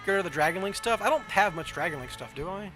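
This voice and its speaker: With music in the background, a man from the southern US with a Southern accent casually livestreams a card game, talking through his decisions and questioning himself. He is a fast talker with a high voice and lively intonation.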